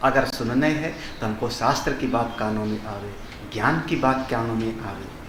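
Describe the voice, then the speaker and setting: An older man, a swami, giving a discourse on scripture, chanting Sanskrit verses slowly and then explaining them in conversational speech with rhetorical questions. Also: mid-range voice, noisy background. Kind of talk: Hindi discourse on Vedanta. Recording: echoey hall ambience.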